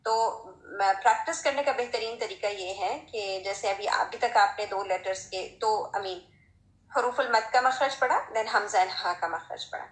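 A woman giving a recitation lesson, talking slowly and patiently and demonstrating sounds with a strong, breathy h. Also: mid-range voice, echoey room, poor audio. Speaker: Quran recitation teacher. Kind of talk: Tajweed lesson.

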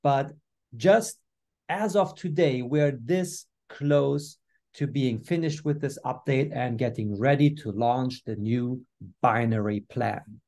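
A man's voice: mid-range voice, slow pace, mellow. A man hosting a business webinar over a video call, upbeat, with frequent fillers. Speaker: webinar host.

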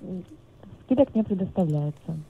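A woman speaking over the phone as a restaurant order taker, polite and formal, with small hesitant pauses. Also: on the low side, lively intonation, vocal fry, dark tone, slight background noise. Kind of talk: customer service phone call, taking an order. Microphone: telephone. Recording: tinny, narrow phone line.

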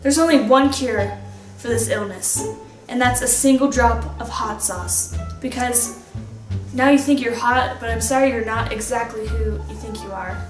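A woman's voice: on the high side, a little slow, over music, lightly acted. A teenage girl playing a wholesome, exasperated, sensible friend in a scripted home comedy skit. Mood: earnest, concerned. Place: rooms of a house, indoors. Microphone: camera at a few feet. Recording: roomy home recording, distant camera mic.

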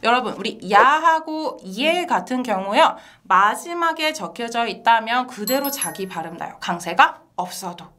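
A woman hosts a language lesson with a voice that swings widely in pitch, sitting a bit higher than most. She laughs often and keeps throwing questions to her co-teacher and the viewers. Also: normal speed, hardly any pauses, slight background noise. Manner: bright and animated, laughs often, asks questions to engage viewers. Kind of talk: lively two-person language lesson.

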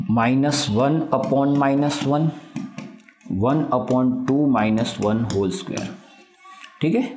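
Male math tutor, mid-pitched, explains each step patiently, echoey room sound. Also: a little mellow. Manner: explains step by step, keeps checking in. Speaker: math teacher. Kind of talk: classroom math lesson. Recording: roomy echo.

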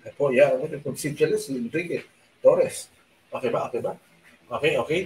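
Male live-stream host, casual and rambling, deliberately quiet delivery; distant mic in an echoey room. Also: mid-range voice. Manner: rambling, chatty storytelling with frequent fillers; speaks softly on purpose at night. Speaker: online show host.

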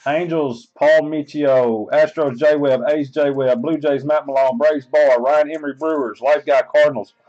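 A man hosts a sports card break, reading team assignments and chatting loosely with viewers in rambling talk full of swearing. His voice is a little high and a little mellow, steady in tone, at normal speed with few pauses, and the audio is dull.

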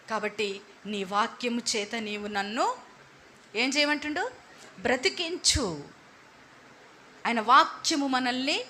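High bright-voiced woman preaching. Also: a little hiss or hum. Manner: repetitive, exhorting, asks and answers own questions. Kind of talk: sermon.

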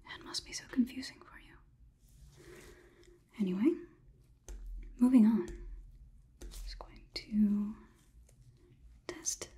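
Close to the microphone in a small indoor room, a young adult ASMR performer whispers a roleplay as a coolly logical robot overlord. Her breathy, unvoiced whisper is mid-range and dark in tone, delivered in a halting, clinical, deliberate way.

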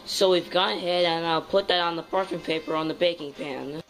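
A young boy filming himself in a home kitchen on a phone, chatty and excitable, full of fillers and calls of "guys". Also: on the high side, a little fast, low-quality recording. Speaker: home cooking vlogger. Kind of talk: casual cooking vlog. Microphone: phone camera held close.

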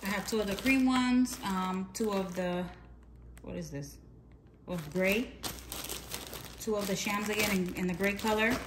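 A home vlogger narrates a casual clean-with-me video on a handheld phone, showing off her purchases and her large, bright home's kitchen and playroom in a rambling, self-correcting way. Her medium-pitched voice is a little slow with long pauses, reverberant, and backed by background noise.

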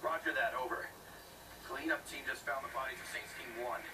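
A man's voice: medium pitch, a little fast, recorded from a distance. An actor playing a male squad leader giving clipped military orders over a radio with static bursts. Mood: curt.

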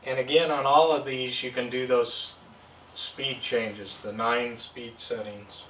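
A man gives a plain, step-by-step hands-on product demonstration at a table indoors. His mid-range voice is slow, fairly bright and shows little pitch movement, recorded off-mic from a distance with roomy sound and a little hiss or hum.

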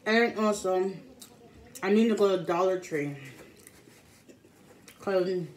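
Her mid-range voice moves slowly as this mukbang vlogger in her thirties eats and chats casually on camera. She talks between bites, mouth often full, and the clear recording from a small indoor room at home includes room noise.

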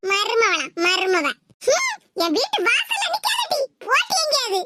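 A woman voicing a harsh, scolding old village mother-in-law with a Tirunelveli accent in an animated cartoon. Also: extremely high pitch, a little slow, full character voice. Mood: stern. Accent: Tirunelveli Tamil. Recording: hissy home recording.

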